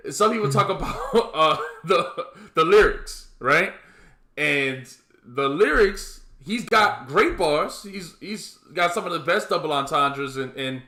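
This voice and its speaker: A man rambles through a casual podcast chat, restarting his sentences and tacking "man" onto his lines. His voice sits a little high and bright. The room around him is noticeably echoey. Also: expressive, a little slow. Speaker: podcast co-host.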